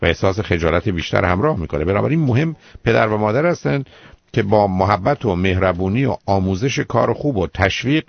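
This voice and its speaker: A man, a psychologist on a radio call-in show, explaining things calmly to callers and calling them dear. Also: on the low side, vocal fry, no room sound, highs cut off. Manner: calm, explanatory, calls listeners "dear".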